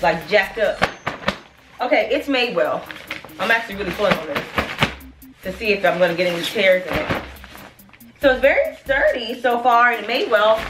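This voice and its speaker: A woman in her thirties, a family vlogger chatting casually to her viewers in a product review, animated and calling them y'all. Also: fairly high pitch. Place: small room in front of a plain wall. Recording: echoey room.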